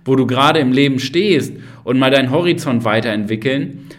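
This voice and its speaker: A man's voice: mid-range voice, a little fast. A man hosting a motivational podcast, talking straight to the listener, firing rhetorical questions and tagging on "ja?" and "ne?". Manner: addresses the listener directly with frequent tag questions. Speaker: podcast host and coach.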